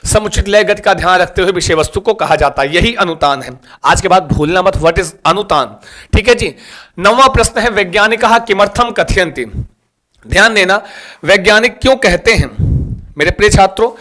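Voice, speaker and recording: High-voiced man teaching an online class. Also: normal speed, sharp tone. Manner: quizzes students and keeps urging them to like and share; repetitive, coaxing. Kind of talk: live online exam-prep class.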